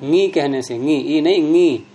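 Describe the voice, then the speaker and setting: A man's voice: fairly high pitch, slow pace, mellow. A man teaching Sanskrit grammar, patiently explaining rules step by step with examples and repeating key terms.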